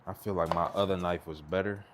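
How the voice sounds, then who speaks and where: A laid-back Texan cooking vlogger in his thirties rambles casually in slang while cooking in his home kitchen. His low voice is fairly even and fairly quick, and the recording is very noisy.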